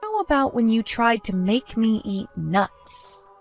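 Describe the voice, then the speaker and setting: A woman's voice: a little high, very animated, slow pace, faint music behind, full character voice. A woman voicing a furious, sarcastic young mother. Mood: accusing. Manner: accusing, sarcastic. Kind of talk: dramatized story voice acting.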